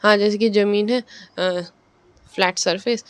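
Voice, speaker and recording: A man teaching a chapter in a casual way. He reads out the headings slowly, then explains them with homely examples and corrects himself as he goes. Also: sits high, fairly even intonation, a bit bright, clean tone, no echo. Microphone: own microphone, adjusted while talking.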